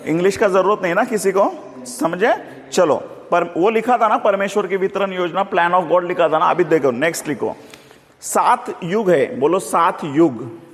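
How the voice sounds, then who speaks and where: Mumbai hindi preacher guy, kinda high voice, joking around with the crowd, long hall echo. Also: moderate pace. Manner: chatty, jokey, calls for congregation responses. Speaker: Bible teacher. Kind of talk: sermon teaching. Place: church hall with congregation. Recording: reverberant hall.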